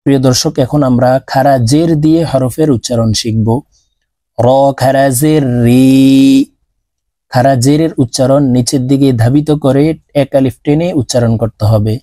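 A man teaching Quran reading step by step, drawing out each letter sound in slow drills. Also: medium pitch, warm tone, no room sound. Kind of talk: step-by-step recitation lesson.

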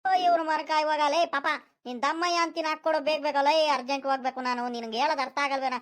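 In a cartoon voice-acting role, a woman plays a stingy, fussy old village grandfather who nags and haggles in a rural Karnataka Kannada accent. Her voice is high-pitched and natural, with fairly even intonation, and she races through the lines.

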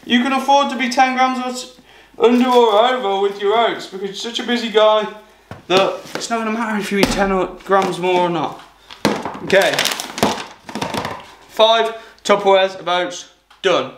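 A young man with a fairly high voice talks casually and upbeat while cooking at home. He is picked up from across a small kitchen, so the sound is roomy and echoey. Steady background noise sits under his voice. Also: moderate pace, pauses often. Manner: chatty, upbeat, talking to camera while cooking. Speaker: fitness vlogger. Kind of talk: casual how-to vlog. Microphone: camera mic from across the room.

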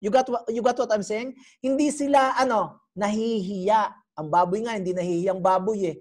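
A woman preaching a sermon. She is animated and teasing, and keeps quizzing the congregation. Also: mid-range voice, normal speed. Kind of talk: sermon teaching.

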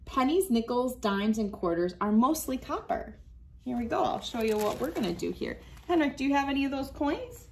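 High-sitting and sing-song, this woman's voice has vocal fry and a darkish tone, delivered at a moderate pace, with a slight hiss or hum audible. She is in her thirties, reading a science book aloud and demonstrating for children while encouraging young viewers directly. A device camera at arm's length films her in a small wood-panelled room near a window.

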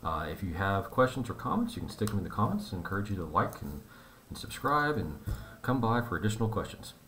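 A man teaching a math lesson, explaining step by step in a relaxed, conversational way. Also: lowish voice, fast talker, slight background noise.

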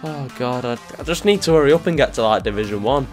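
Excitable young gamer commentating. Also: male voice, mid-range voice, fast talker, faint music behind. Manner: excitable, swearing, jokey, with sudden shouts. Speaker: gaming youtuber. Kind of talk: football video game commentary.

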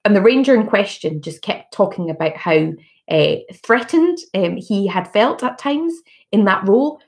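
A Scottish woman in her thirties, a politician answering constituent questions on a video call from her living room, measured and full of fillers and restarts. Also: medium pitch, expressive, darkish tone. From Scotland. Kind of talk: virtual town hall Q&A. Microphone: laptop webcam on a video call.

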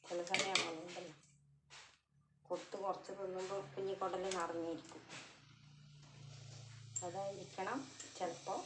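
Casual woman vlogger, chatty and fond, recorded in an echoey kitchen with steady background noise. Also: fairly low pitch, moderate pace, pauses often. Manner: chatty, talks fondly to a crying cat while cleaning fish. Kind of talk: casual home cooking vlog.

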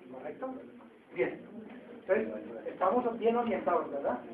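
High-voiced Colombian man lecturing. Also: animated, measured pace, background noise. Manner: emphatic, rhetorical questions to the audience. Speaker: business lecturer. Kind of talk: classroom lecture. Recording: distant echoey phone-like sound.

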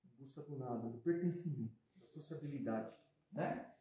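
A man with a Brazilian accent giving a spiritual lecture, conversational, with soft asides and loud emphatic bursts. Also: medium pitch, normal speed. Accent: Brazilian Portuguese. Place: hall at a spiritist center. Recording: echoey hall.

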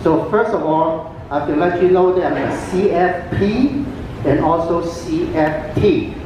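A talent show contestant, an older man with Cantonese as his first language, jokes chattily in a cruise ship's large atrium, pausing often and using fillers. His handheld mic echoes through a booming PA, captured by a distant camera over a noisy background.

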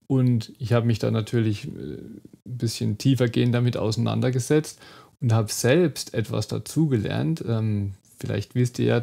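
A man teaching German pronunciation in an online lesson, demonstrating sounds slowly and carefully. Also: medium pitch, creaky, dark tone.

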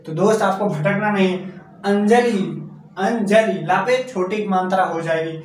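High-voiced teacher in an echoey room. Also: male voice, measured pace. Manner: repetitive, coaxing, keeps asking the class questions and calling them friend. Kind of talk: exam-prep spelling lesson. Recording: echoey room from far off, faint noise.

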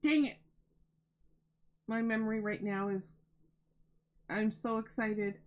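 A woman's voice: a little high, steady tone, slow pace, low-quality recording. A woman hosting a crafting vlog, unboxing donated yarn in a gushing, emotional, chatty way, close to tears. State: near tears. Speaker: crafting channel host.

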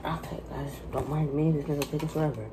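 A man's voice: on the high side, steady tone, quick pace, recorded from a distance, background noise. A young man playing a party game with a friend, brash and trash-talking, swearing freely. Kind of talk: casual banter during a game.

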